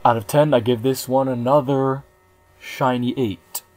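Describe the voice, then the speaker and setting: A man's voice: mid-range voice, steady tone, unhurried, darkish tone. Rambling young man reviewing albums. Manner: rambling, hesitant with many ums. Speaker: music reviewer. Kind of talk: casual album review vlog.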